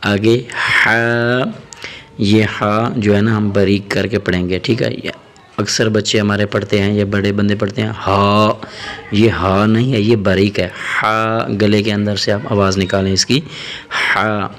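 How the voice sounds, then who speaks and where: A man with a Pakistani Urdu accent teaching Arabic letters, drawing out each letter name slowly between quick explanations. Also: lowish voice, little pitch movement. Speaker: Quran teacher. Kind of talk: letter-by-letter pronunciation lesson.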